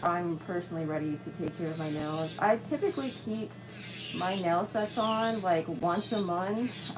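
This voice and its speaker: A woman chatting casually as a nail technician giving a live tutorial. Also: fairly low pitch. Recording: clearly noisy background.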